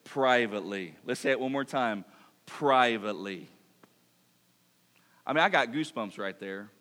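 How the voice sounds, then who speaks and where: A man's voice: mid-range voice, fast talker. A middle-aged man preaching a sermon, reading Scripture aloud and acting out mock apologies with humor. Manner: lively preaching, reads Scripture, mock-apologizes in funny voices. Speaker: pastor.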